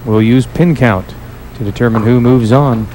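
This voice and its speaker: A play-by-play host calls a bowling match over the roar of a loud crowd and bowling alley noise in a noisy broadcast. His voice is medium-pitched and moderately paced.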